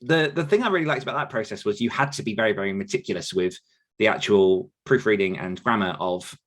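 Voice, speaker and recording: A British man in his thirties, an author and writing coach appearing as a podcast guest, tells his own career story in a casual, rambling, chatty way. His voice is on the low side and fairly bright, and he talks fast.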